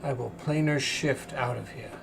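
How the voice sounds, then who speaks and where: A man's voice: medium pitch, vocal fry, close to an everyday voice. Man voicing a solemn, ancient imprisoned angel. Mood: grave, solemn. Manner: solemn, slow, formal pronouncements. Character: imprisoned, blinded fallen angel, grave, ancient and vain. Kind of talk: tabletop role-play. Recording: room recording with faint background noise.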